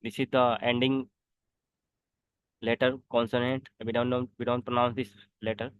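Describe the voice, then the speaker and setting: Guy teaching french super slow, repeats stuff, clean crisp voice in a dead dry room. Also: mid-range voice, flat delivery, no echo, narrow, tinny audio. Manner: slow, repetitive teaching, mixing English and Hindi. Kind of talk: online language lesson.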